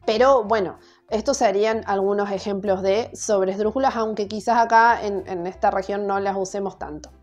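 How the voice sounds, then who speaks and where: A woman's voice: mid-range voice, fairly even intonation, normal speed, a little mellow, soft background music. A young woman with an Argentine Spanish accent, patiently explaining grammar rules in a casual spoken lesson, asking and answering her own questions.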